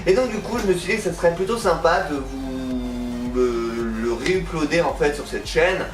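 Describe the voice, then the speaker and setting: A young adult man with a slushy lisp on his s sounds, chatting casually and playfully as an animated channel host. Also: on the high side, normal speed. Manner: animated, playful, swinging emphasis. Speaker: host of a gaming and vlog channel. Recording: roomy echo, distant mic, music behind. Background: music.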